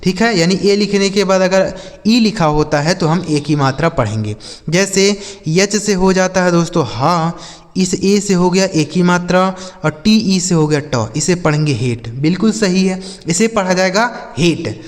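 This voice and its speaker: High-voiced man teaching English pronunciation. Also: animated, normal speed, long reverb tail. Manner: repeats rhetorical questions and answers them himself; addresses viewers as friends, patient step-by-step explaining. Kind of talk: Hindi-language pronunciation lesson.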